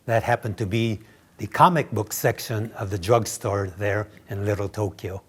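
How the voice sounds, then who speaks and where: A man's voice: fairly low pitch, fairly even intonation, moderate pace, slightly rough. A man in his nineties from Los Angeles, telling childhood memories in a wry, storytelling way. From Los Angeles, USA. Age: 90s. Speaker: interviewee. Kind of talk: reminiscing interview.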